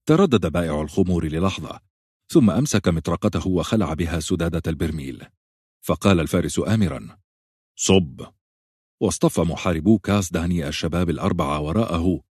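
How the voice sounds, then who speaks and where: Deep, husky male audiobook narrator. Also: darkish tone, no echo, clean studio sound.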